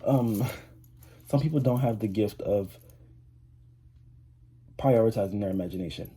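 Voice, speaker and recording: A man's voice: fairly low pitch, a little slow, mellow, breathy edge. An eighteen-year-old man chatting casually to camera as a vlogger, rambling with lots of fillers and restarts. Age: 18, teenager. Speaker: vlogger, high school student.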